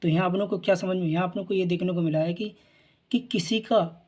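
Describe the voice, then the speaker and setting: A male teacher explains a math lesson at a board in a husky, slightly breathy voice that is high-pitched yet mellow and dark in tone. He speaks briskly with fairly even intonation, repeatedly saying "theek hai na" to check in with listeners. In a patient, repetitive rhythm, he poses his own questions and answers them.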